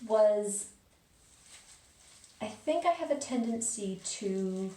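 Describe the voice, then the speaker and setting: A woman's voice: mid-range voice, animated, takes it slowly, mellow. A woman vlogger chatting casually to viewers in a conversational way, recorded in an echoey bathroom. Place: small indoor bathroom. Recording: echoey bathroom, distant mic.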